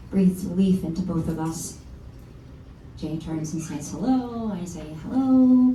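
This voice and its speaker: A woman's voice: fairly low pitch, dark tone, a little hiss or hum, natural voice. A woman playing a wry hometown singer-songwriter. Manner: frank, wry, confessional, swears casually. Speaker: lead actor in a one-woman musical. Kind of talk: stage monologue at a live reading. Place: small performance venue. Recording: roomy venue from far off, faint instrument.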